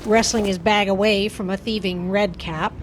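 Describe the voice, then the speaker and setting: A woman narrating a radio drama with clear, measured storytelling. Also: medium pitch, fairly even intonation, a little hiss or hum.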